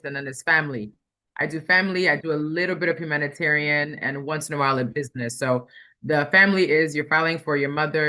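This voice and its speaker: A woman of Ghanaian background, appearing as a guest attorney, speaks in a deep voice with a sharp tone. In this explanatory interview talk she lays things out plainly, step by step, repeating key points for clarity.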